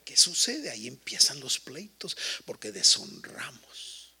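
Joking bilingual pastor with a gravelly voice. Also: male voice, mid-range voice, big pitch swings, unhurried, bright, forceful tone. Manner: joking, teasing the congregation, switching between Spanish and English. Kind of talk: lively bilingual sermon.

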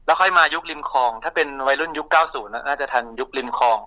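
A man speaking as an interview guest, recounting his family shop's story in a relaxed, chatty way with many fillers and restarts. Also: on the high side, very fast, no echo, rough recording.

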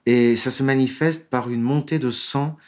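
A man's voice: mid-range voice, steady tone, moderate pace, a little mellow. A man giving a law lecture in French, reading quotations aloud and talking with many fillers and restarts. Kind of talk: lecture with read-out quotes.

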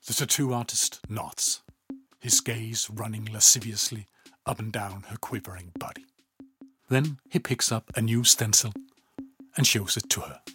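A man reading a story aloud in calm, even scripted narration, often low and hushed. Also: measured pace, slight background noise.

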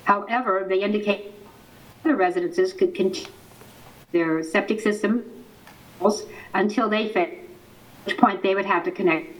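A woman on staff giving a measured, explanatory planning presentation over a remote video call, and her audio keeps breaking up and cutting out. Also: medium pitch. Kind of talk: formal presentation at a public meeting. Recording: distant choppy internet call audio.

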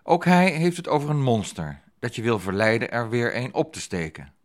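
A man's voice: medium pitch, animated. A man hosting, asking probing questions and introducing clips. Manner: probing, measured. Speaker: host. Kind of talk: interviewing and presenting.

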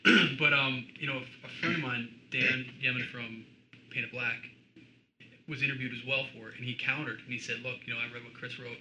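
A man hosting a podcast, talking quickly and casually with many fillers. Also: medium pitch, fairly even intonation, sharp tone. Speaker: podcast host. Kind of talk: casual chat. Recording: roomy with background noise.

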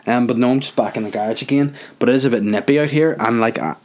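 A man's voice: medium pitch, quick pace, a little mellow. A young man hosts a solo podcast from his garage. He rambles from one thought to the next, crude and jokey, swearing freely as he goes. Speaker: podcast host.

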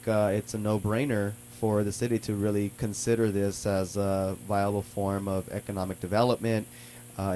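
A man's voice: lowish voice, a little hiss or hum. A man hosting a radio talk show, chatting casually and upbeat with lots of fillers. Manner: relaxed, filler-heavy, upbeat.

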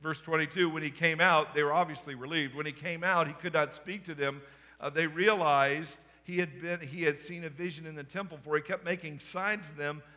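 A man's voice: a little high, pushed and bright, in a large hall. A male pastor giving a sermon, telling the story with humor and acting out the scenes.

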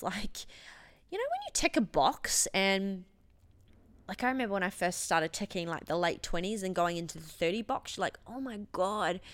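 A woman's voice: fairly low pitch, clean tone. A woman, a gym owner talking in a rambling, emotional, sweary monologue. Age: 30s. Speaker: gym owner and podcast host. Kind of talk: casual monologue.

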